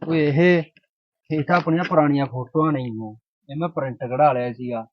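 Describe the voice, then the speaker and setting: A man's voice: on the high side, brisk, no room sound, natural voice. A young man plays a lovesick village lad, mournful and pleading. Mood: grieving. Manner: mournful and pleading, dropping his voice. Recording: tinny phone-like sound.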